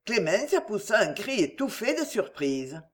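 A woman reads a classic novel aloud for an audiobook. Her pitch is medium, and she tells the story in a measured, expressive way.

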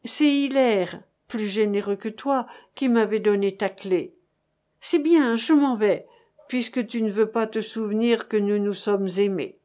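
Woman reader doing a defeated fugitive man, plaintive and hushed, slow, a bit high. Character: hunted, frightened man, beaten down and pleading.

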